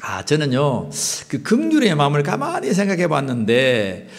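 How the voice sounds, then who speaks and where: Animated Gyeongsang pastor preaching. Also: male voice, on the high side, moderate pace. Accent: Gyeongsang Korean. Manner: animated, asks the congregation rhetorical questions. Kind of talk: sermon.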